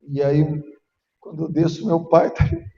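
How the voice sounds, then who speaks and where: A male pastor preaching a sermon, emotional and at times rising to shouting. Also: on the high side, steady tone, normal speed, gravelly, a little hiss or hum. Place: church. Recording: muffled echoey church hall.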